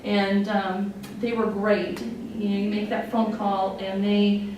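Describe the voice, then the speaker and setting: She speaks slowly at medium pitch with little movement in her voice, and the high frequencies are cut off. A Wyoming nurse executive in her forties, she recounts her own story candidly and conversationally, with many fillers and open emotion. The room is echoey, the mic distant, and there's faint noise.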